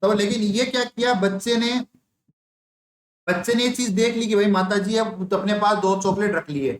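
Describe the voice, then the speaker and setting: Tutor guy, highish voice, quizzes students over and over, echoey room w/ faint hum. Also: moderate pace. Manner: storytelling teacher, repeats questions to students, calls them "beta". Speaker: nursing exam teacher. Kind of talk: online exam coaching class.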